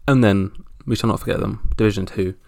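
Gravelly-voiced man hosting a sports podcast. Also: fairly low pitch, brisk, a little mellow, no room sound, studio quality. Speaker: podcast host. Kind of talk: casual solo sports roundup.

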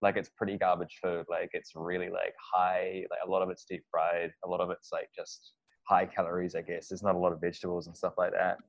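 Lower-voiced man rambling through a story. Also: flat delivery, fairly quick, gravelly. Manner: rambling, many fillers and restarts. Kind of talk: casual storytelling. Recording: dull lo-fi audio.

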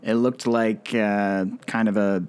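A man's voice: lowish voice, level tone, slow pace, a little mellow, smooth. Easygoing young man talking games. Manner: easygoing, hesitant, mock-quotes people. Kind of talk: casual gaming chat.

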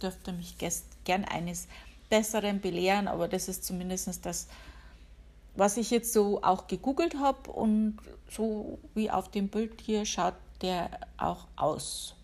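A woman's voice: mid-range voice, darkish tone. A woman from the Upper Palatinate, hosting her own podcast from home in a chatty, self-ironic way. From Upper Palatinate, Bavaria, Germany. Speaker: podcast host. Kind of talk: casual solo podcast monologue. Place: home, working from home.

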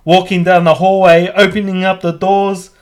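Young man, high-pitched voice, casual chat, rambling, swears a lot. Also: little pitch movement, moderate pace. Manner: laid-back, rambling, swears freely. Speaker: storyteller.

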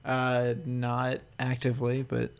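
A young man co-hosting a casual chat, making dry deadpan jokes and swearing freely. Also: medium pitch, takes it slowly, gravelly, smooth. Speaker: podcast co-host.

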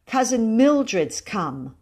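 A grown-up sister, as a woman reading aloud puts her on, cool and matter-of-fact, announcing things plainly at an unhurried pace. It is read from a storybook. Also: fairly high pitch, voice pushed up, heavily acted. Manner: flat, announcing.

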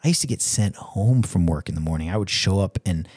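A man's voice: deep voice, expressive, brisk, warm tone, dry recording, clean studio sound. A man hosting a casual group podcast over a video call, upbeat and jokey as he leads the questions. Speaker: podcast host. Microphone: computer mic on a video call.

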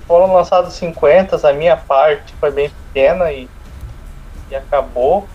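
A man's voice: on the high side, measured pace. A man with a Brazilian accent chatting casually as a radio co-host. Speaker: regular radio show co-host. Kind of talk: casual chat. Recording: dull lo-fi sound with faint noise.

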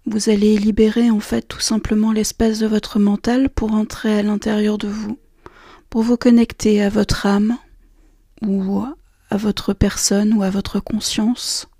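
A woman guiding a relaxation and meditation session in a soft, slow, half-whispered voice. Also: medium pitch, flat delivery, no room sound, studio quality. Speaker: relaxation guide. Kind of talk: guided meditation.

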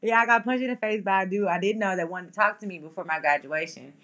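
A woman's voice: medium pitch, quick pace, fairly bright tone. A young woman co-hosting a podcast, chatting in a rambling, slangy way. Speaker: podcast co-host. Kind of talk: casual chat.

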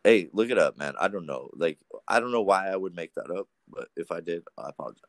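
Young guy, very low voice, crude rambling podcast guest, dry close sound. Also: fast, no room sound. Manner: rambling, crude, animated storytelling. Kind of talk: casual profane chat.

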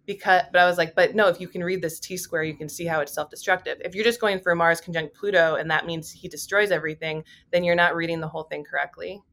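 Slightly low-voiced woman, candid astrologer guest, rambles loosely with lots of fillers. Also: fairly even intonation, quick pace, hardly any pauses, a bit bright. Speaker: astrologer and YouTuber. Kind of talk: casual podcast conversation.

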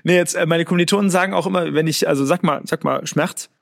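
A young man with a Lower Rhine German accent co-hosts a relaxed podcast. His voice sits a little high and has a gravelly, creaky edge. He jokes and often breaks off mid-sentence. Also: racing. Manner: chatty, jokey, trails off mid-sentence. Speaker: podcast co-host. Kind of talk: casual chat.

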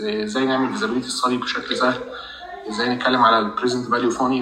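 A man's voice: medium pitch, fairly bright tone. A middle-aged man with an Egyptian Arabic accent, speaking casually as a guest and mixing in English finance terms. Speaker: guest speaker from the audience, an engineer. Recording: roomy, distant mic, faint background noise.

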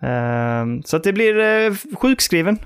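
A man's voice: fairly high pitch, very animated, smooth. A man co-hosting a podcast, telling a story animatedly and acting out quoted voices. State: tired. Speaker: podcast co-host. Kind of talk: casual chat.

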